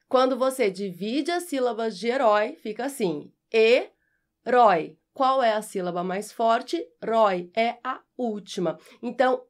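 A woman from Brazil with a Brazilian accent, teaching a scripted grammar lesson and spelling out syllables clearly. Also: high-pitched. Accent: Brazilian Portuguese. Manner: slow, clear, syllable-by-syllable explanations. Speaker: Portuguese teacher.

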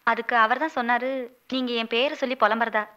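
A bold young employee. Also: female voice, fairly high pitch, fairly even intonation, quick pace, bright, forceful tone, highs cut off. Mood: complaining. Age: young adult. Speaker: office employee. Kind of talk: comic film dialogue.

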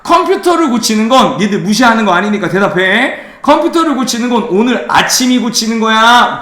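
A man teaching an English grammar class, drilling students with quick questions and teasing them playfully. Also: high voice, a bit bright, reverberant. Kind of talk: classroom lecture.

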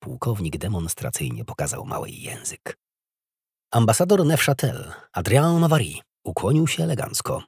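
A man narrating an audiobook in a measured, expressive reading. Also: medium pitch, vocal fry, breathy edge, dry recording, studio quality. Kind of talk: scripted narration.

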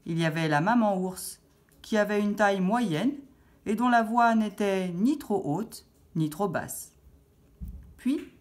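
A woman reading a children's fairy tale aloud with expressive storytelling. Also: medium pitch, slow.

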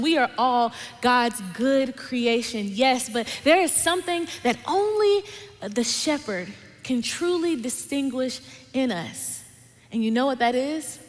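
Woman preaching in a reverberant auditorium. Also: high voice. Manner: dynamic, conversational preaching, drops to soft emphasis. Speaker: guest speaker at a church. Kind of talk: sermon. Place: large church stage with lights and screens. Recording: long hall reverb from a big auditorium.

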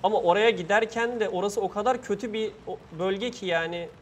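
A man giving chatty, excitable live commentary on his own gameplay, laughing often, on a gaming headset. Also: high voice, fairly quick, a little hiss or hum. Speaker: guest gamer.

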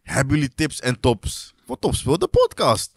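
A man's voice: mid-range voice, huge pitch swings, moderate pace, no echo. A man hosting a podcast, steering the talk with questions in casual chat. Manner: wraps up with questions, short interjections. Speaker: podcast host.

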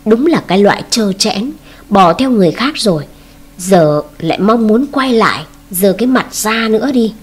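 A woman reading the lines of a sharp-tongued mother in her forties who hits back fast, in a husky voice. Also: medium pitch, expressive. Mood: biting. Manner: sharp, biting.

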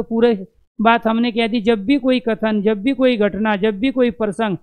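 Smooth-voiced Hindi teacher quizzing his class. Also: very high voice. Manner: poses rhetorical questions and answers them himself; addresses students warmly as dear friends. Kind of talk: live online exam-prep class.

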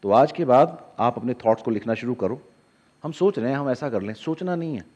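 A man teaching in a casual lecture to camera, animated, acting out inner voices in asides. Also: brisk. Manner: animated, acts out inner voices with sudden drops in pitch and loudness. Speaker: spiritual teacher.

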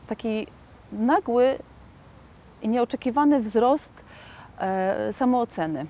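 A woman in her thirties talking reflectively about personal experience, in a halting, hesitant way. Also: on the high side, a little mellow, a little hiss or hum. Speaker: debut poet and author. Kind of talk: personal reflective interview talk.

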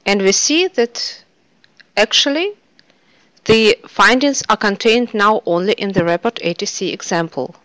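Woman, screencast narrator, even instructional read, dry close mic. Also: mid-range voice, unhurried, no room sound, poor audio. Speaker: software tutorial presenter.

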